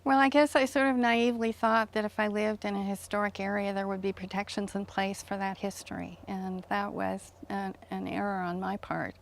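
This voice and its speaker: A woman's voice: medium pitch, flat delivery, moderate pace, creaky, hardly any pauses, a little hiss or hum. A woman, a local resident, speaking reflectively in an interview.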